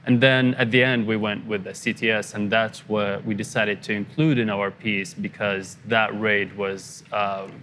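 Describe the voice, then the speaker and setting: A man of about thirty who grew up in Iraq talks through his experience as a journalist. His voice sits a little low, and he speaks in a halting, thoughtful way, often restarting his sentences. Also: flat delivery, a bit bright, a little hiss or hum. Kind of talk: interview conversation.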